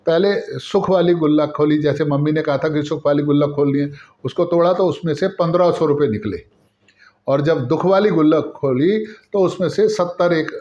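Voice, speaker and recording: A male storyteller with a fairly high voice narrates in the first person. He speaks conversationally, with fillers and restarts. The recording is muffled and lo-fi. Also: darkish tone.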